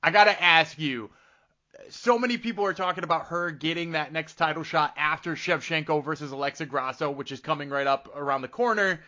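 A man with a bright, forceful voice pitched a bit high hosts a casual sports show. The sound is slightly dull and lo-fi. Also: brisk. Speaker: sports podcast host and interviewer.

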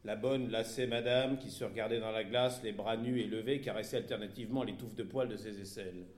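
A man's voice: fairly low pitch, brisk. Man reading a story aloud, roomy echo. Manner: expressive, occasional hesitations. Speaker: narrator.

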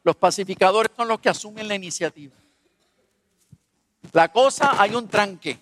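A high-voiced man gives a sermon built around personal storytelling, at a moderate pace. With animated humor, he asks the congregation questions. The recording has no room sound but a long reverb tail.

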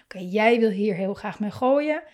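A woman hosts a parenting podcast solo, talking casually and thinking aloud with lots of fillers and restarts. She laughs often and acts out lines from parents and kids, speaking animatedly at normal speed with a medium pitch and darkish tone.

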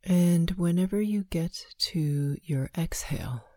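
Low-voiced woman slowly counting breaths. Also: a little mellow, no echo, studio quality. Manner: slow breath counting with long pauses. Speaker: guided meditation leader. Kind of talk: guided meditation.

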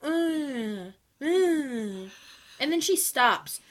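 A young woman co-hosting a podcast, telling stories in casual chat, animated and full of likes. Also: sits high, very slow, background noise. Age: young adult. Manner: animated storytelling, many likes, laughs while talking. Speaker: podcast co-host.

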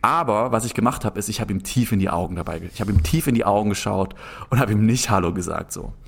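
Young man, low-pitched, casual rambling storyteller with lots of restarts and fillers. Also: quick pace, vocal fry, a little hiss or hum. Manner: rambling, animated anecdote with frequent restarts and filler "so".

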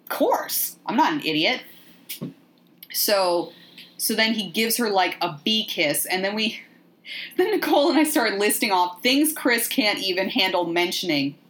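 Animated joking woman podcast host. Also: mid-range voice, normal speed. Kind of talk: casual movie recap chat.

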